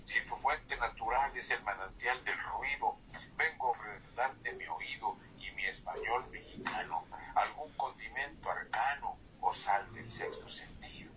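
An older man with a fairly low pitch, pushed and bright, talks a little slowly as a poet and guest. Through a tinny phone line with faint hiss, this phone-in interview and poetry reading has him reciting verse with whispered refrains and chatting about his books afterward.

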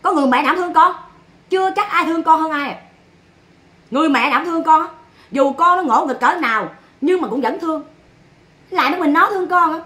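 A woman's voice: sits high, fast talker, long pauses, bright, forceful tone. A woman with a Southern Vietnamese accent, ranting sarcastically and bluntly on a livestream.

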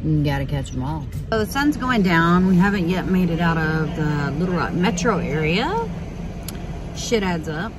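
A woman's voice: on the low side, animated, normal speed. A woman, chatting playfully to the camera while on a road trip. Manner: chatty, playful, Southern "y'all". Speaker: travel vlogger. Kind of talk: casual road-trip vlog chat. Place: inside a moving car. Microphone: camera on dashboard. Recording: road noise, mic some distance away.

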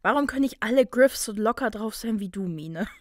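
A woman's voice: fairly high pitch, expressive, fairly quick, no echo, studio quality, natural voice. A woman voicing a cocky, teasing young male wizard student. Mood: jovial. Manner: loose, teasing, mocking.

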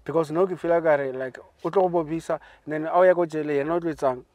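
A man's voice: on the high side, steady tone, fast, a little mellow, no echo, muffled recording. A young man with a South African accent hosting a conversational interview in a car, giving advice and mixing English phrases into local speech. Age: young adult. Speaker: host and interviewer. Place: inside a parked car. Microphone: handheld microphone and lapel mic.

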